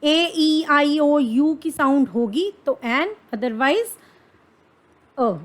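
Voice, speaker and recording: Slow, high-voiced woman teaching grammar. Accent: Indian. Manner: asks the class questions and answers them herself; mixes English phrases into explanations. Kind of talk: exam-prep grammar lesson.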